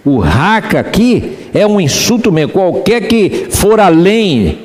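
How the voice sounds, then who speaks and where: A pastor with a Rio de Janeiro accent preaches to his church in a conversational way, asking the congregation questions. His voice sits a little high, and his pitch swings widely as he makes his points. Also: sing-song, slow pace, big-room sound. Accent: Rio de Janeiro Portuguese. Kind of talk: sermon.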